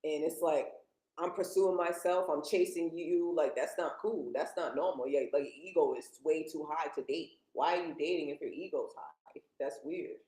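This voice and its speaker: A woman's voice: sits low, normal speed, warm tone, reverberant, low-quality recording. A woman in her thirties speaking bluntly and plainly as a guest in a casual podcast conversation, with slangy phrasing. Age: 30s.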